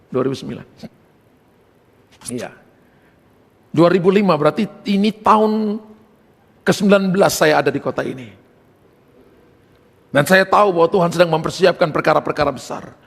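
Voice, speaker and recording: Male pastor, emphatic sermon storytelling, gravelly voice, high pitch, big echoing church hall. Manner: emphatic storytelling, addressing listeners as brothers. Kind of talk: sermon with personal testimony. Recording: long hall reverb.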